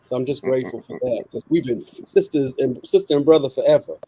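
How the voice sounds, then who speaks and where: A man hosting a panel discussion, with loose, halting phrasing. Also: medium pitch, dark tone, slightly rough. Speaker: host.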